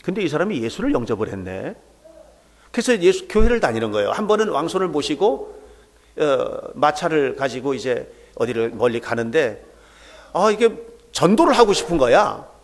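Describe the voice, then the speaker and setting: Lively Korean pastor preaching a sermon. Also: male voice, a little high, normal speed. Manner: lively preaching with rhetorical questions to the congregation; acts out quoted dialogue in anecdotes.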